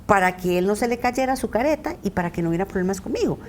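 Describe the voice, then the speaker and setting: A woman's voice: medium pitch, expressive, fast talker, darkish tone, slight background noise. Woman telling her story. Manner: earnest, recounting, often acting out quoted voices. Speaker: interview guest. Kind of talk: personal testimony in a podcast interview.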